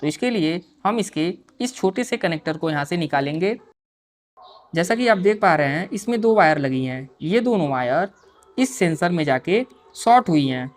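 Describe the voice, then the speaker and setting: Hosting a repair tutorial, a man with a somewhat high, animated voice walks through each step patiently at a moderate pace, frequently addressing his audience as dear friends.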